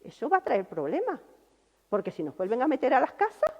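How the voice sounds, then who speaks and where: A woman pastor delivers an impassioned sermon in a high, very lively voice. She swings from loud outbursts to hushed lows. The sound is dull and lo-fi, with a long reverb from the hall. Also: fairly quick, husky.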